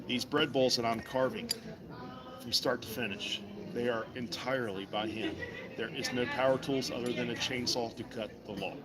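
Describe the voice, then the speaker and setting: This is a casual demonstration chat: a Virginia man carves wood at an indoor mall vendor table and talks with passersby in a warm, folksy manner. His voice is mid-range and steady at normal speed, with crowd chatter from the busy mall around him.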